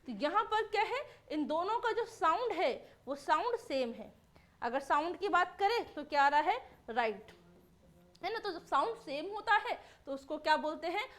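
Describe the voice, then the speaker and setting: A woman's voice: very high voice, very animated, moderate pace, a bit bright. A woman teacher giving an exam-prep lesson. She talks in a chatty way, asks rhetorical questions, answers them herself and often adds tag questions.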